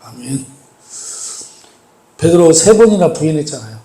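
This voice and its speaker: A man's voice: a little high, very animated, normal speed. A male pastor preaching a sermon, putting rhetorical questions to the congregation and leaning hard on key points. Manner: emphatic, swells louder on key points. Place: church sanctuary. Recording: echoey church hall.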